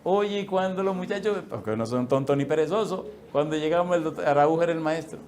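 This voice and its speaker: A middle-aged male pastor preaching a sermon, telling a personal story with lively acted-out dialogue and frequent laughter. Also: on the high side, a little fast, a little hiss or hum. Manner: animated storyteller, acts out dialogue, laughs often.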